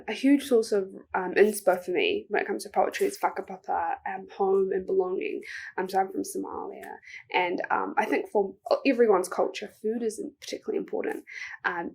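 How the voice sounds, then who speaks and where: A young woman with a New Zealand accent answering interview questions as a poet, speaking in a soft, reflective way with many ums. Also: mid-range voice, creaky, slightly rough. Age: young adult.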